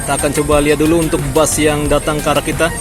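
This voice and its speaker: Outdoors on a bustling city street, a man's voice on the high side races along in a monotone. He's a Jakarta vlogger with a Batak accent, chatting casually and repeatedly calling his viewers friends, with crowd noise and music in the background.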